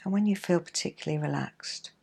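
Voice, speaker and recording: Gentle woman guiding a relaxation exercise. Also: deep voice, gravelly, slightly rough. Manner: gentle, soothing, measured with pauses. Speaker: coach and podcast host. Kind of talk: guided relaxation instruction.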